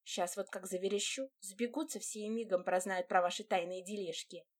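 A woman's voice: medium pitch, fairly even intonation, normal speed, lightly acted. A woman reading an audiobook, voicing a cheeky, grasping peasant girl who talks boldly and shrilly.

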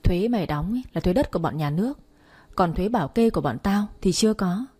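A woman's voice: lowish voice, expressive, quick pace, mellow, slightly rough. A woman voicing a swaggering male gang leader who taunts and threatens in a crude, menacing way.

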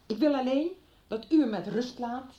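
Playing a worried, reproachful mother of a teenage boy, a woman speaks at normal speed with a fairly high pitch and a warm, lightly acted tone. The character is middle-aged, anxious and disapproving, firm though hesitant and evasive. The 1990s radio drama is recorded a little dully.

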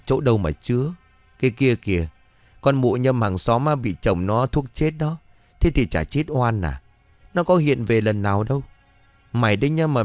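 A man's voice: mid-range voice, no echo, close to an everyday voice. A man voicing a stern, bossy old woman who scolds her servants in a ghost story.

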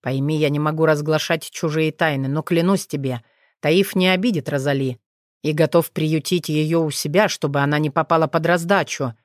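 Brief: female narrator playing a steady, dry-voiced male dragon in an audiobook, pitched low, close dry sound. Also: moderate pace, no echo, close to an everyday voice. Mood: calm. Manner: steady, dry, slightly mocking. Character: calm, confident male dragon shifter, husband.

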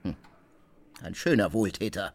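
An actor playing a coarse, scheming swindler in a radio drama, abusive and loud. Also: male voice, low-pitched, animated, a little slow, full character voice. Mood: sneering. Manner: abusive, blustering, shouting. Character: scheming middle-aged male swindler, coarse, bullying. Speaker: Tarantjew.

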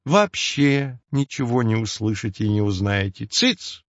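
A man's voice: fairly high pitch, big pitch swings, slow pace, no echo, exaggerated voice. A ginger storybook tomcat with a mustache, as a male narrator plays him, holds forth solemnly and sighs heavily over his household's troubles. His voice sits a little above the narrator's own. The recording is dull and dry, with no room sound. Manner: solemn, sighing, sly.

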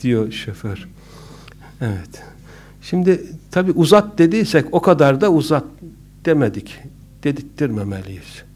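Guy giving a laid-back talk on public speaking, voice a bit on the high side, cracks jokes, lots of "uh"s. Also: sing-song, a little slow, pauses often, a little mellow, slightly rough. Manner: conversational, with humorous asides and many hesitant fillers. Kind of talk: casual instructive talk.

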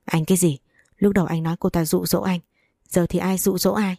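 A woman's voice: fairly low pitch, fairly even intonation, fairly quick, gravelly, mellow, no echo, clean studio sound. A woman voicing a furious, betrayed wife who curses and scolds harshly.

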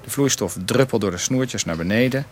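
Lightly acted, the lead of this Dutch radio play narrates the bitter, sarcastic thoughts of a young man whose wife has cancer. The actor's mid-range voice is lively in intonation and fairly quick, with slight background noise.

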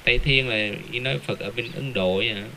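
Brief: male lay Buddhist speaker, bright tense tone, lively rhetorical delivery, faint background hiss. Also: mid-range voice, fast talker. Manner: animated, rhetorical questions, joking asides. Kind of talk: casual Dharma talk.

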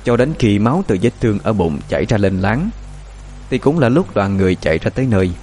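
A man narrating a horror story in a dramatic, expressive way. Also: fairly low pitch, fast talker, a little hiss or hum.

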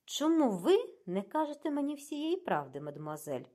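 A woman's voice: high-pitched, moderate pace, voice pushed up. Poirot, shrewd detective, read by a woman. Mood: probing. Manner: calm, pointed questioning. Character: shrewd, probing middle-aged male detective.

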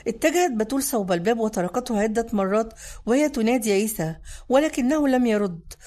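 A woman narrating a dramatic audiobook in the first person, measured and intense. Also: a little high, lively intonation, dark tone.

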